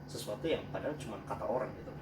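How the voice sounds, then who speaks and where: A man's voice: medium pitch, rapid-fire. A man with a Jakarta Indonesian accent hosting a casual group chat. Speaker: host. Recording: echoey room, distant mic, clear noise.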